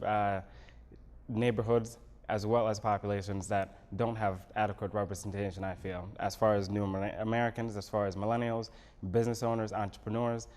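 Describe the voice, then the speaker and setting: A man from Senegal, a city council candidate, answering questions in a local TV studio interview with measured, pause-filled speech. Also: lowish voice, a little mellow.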